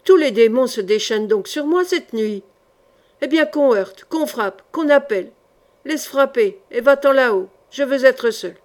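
A gaunt, scheming sorcerer, as a woman reader puts him on, calm and icy in his calculations, then raising his voice in rage. A voice a little high for the role, drawn from a historical novel read aloud. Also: a little slow, natural voice. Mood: furious. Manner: cold, turning to furious shouts.

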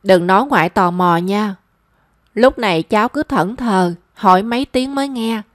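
A woman's voice: medium pitch, normal speed, no room sound, clean studio sound, natural voice. A woman voicing a kindly old grandmother who teases her granddaughter. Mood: teasing.

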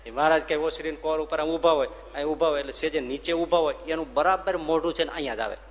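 A man's voice: a little high, fast. A man, a swami giving a storytelling sermon, who acts out the dialogue and laughs as he tells it. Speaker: swami giving a religious discourse. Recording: reverberant hall with faint ambient noise.

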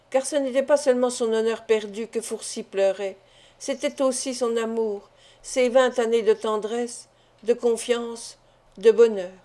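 Woman reading a classic novel aloud; warm, slightly high voice, steady and even, dialogue kept in her own voice. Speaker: audiobook reader. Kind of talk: scripted narration of a classic novel.

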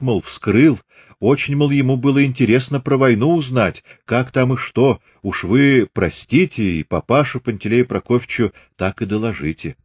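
A man's voice: mid-range voice, husky, no room sound, lightly acted. A man doing a fawning, flustered old postmaster. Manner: bowing, apologetic, mumbling.

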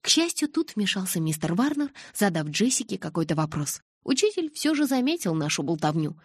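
Audiobook narrator, woman, low and breathy, expressive first-person reading, dry recording. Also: a little fast, no room sound.

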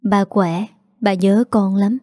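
A woman voicing a frail, sick old father who speaks softly and wearily. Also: mid-range voice, steady tone, slow pace, dry recording, studio quality. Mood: weary tender.

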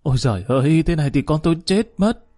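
A man voicing a frantic mother who wails and pleads for her son, in a raised, higher voice. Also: expressive, fast, dark tone, close to an everyday voice. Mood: frantic pleading. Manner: wailing, pleading.

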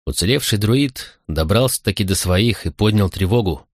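A male narrator reads a novel in a low, steady voice with dramatic pacing. The recording is close and dry, with no room sound. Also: normal speed, dry recording. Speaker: audiobook narrator.

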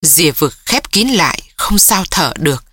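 A woman narrating an audiobook in a bright, forward voice. The recording is dry and close, with no room sound. She reads every character herself and rises in pitch when the dialogue turns emotional. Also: very animated, moderate pace, husky, no room sound. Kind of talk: audiobook reading.

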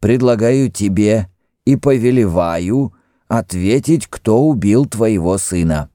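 A man reading an audiobook, voicing a stern high priest who gives loud, distinct commands. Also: expressive, takes it slowly, no echo, studio quality. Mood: imperious command. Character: stern, cold male high priest, imperious.

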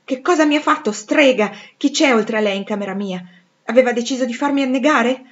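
A woman reading the part of a brusque, commanding gentleman in a storybook reading, with curt orders given low and hushed. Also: fairly even intonation, fairly quick, natural voice. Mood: startled, angry. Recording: slightly dull lo-fi recording.

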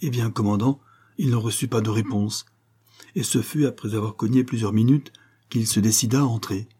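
A man's voice: lowish voice, steady tone, normal speed, warm tone, slightly rough. A man voicing a dutiful male ship's purser who explains events matter-of-factly. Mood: reporting.

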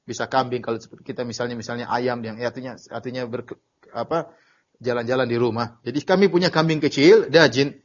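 A man, an Islamic teacher, giving a religious study lecture as animated storytelling with sudden emphatic bursts, often pausing on filler words and restarting phrases. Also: medium pitch. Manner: frequent filler "ya" and halting restarts. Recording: dull lo-fi lecture recording.

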